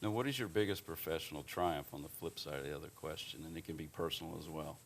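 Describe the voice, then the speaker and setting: A man's voice: extremely low pitch, quick pace, creaky, a little hiss or hum. A man hosting a local TV interview show, reading a polished introduction and then asking questions with encouraging remarks. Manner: polished, encouraging, many short acknowledgments.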